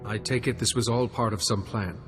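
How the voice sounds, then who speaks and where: An actor playing a calm, wise and dutiful Jedi in a video game, speaking formally and with measured care. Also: male voice, fairly low pitch, loud music behind the voice, lightly acted. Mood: stern, composed. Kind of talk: video game cutscene dialogue.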